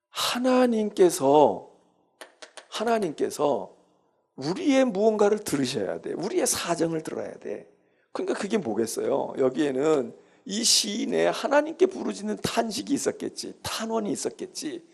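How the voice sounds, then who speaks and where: A man's voice: fairly high pitch, creaky, a little mellow, husky. A male senior pastor giving a sermon-style Bible lecture in a church, conversational and emphatic, repeating his key phrases.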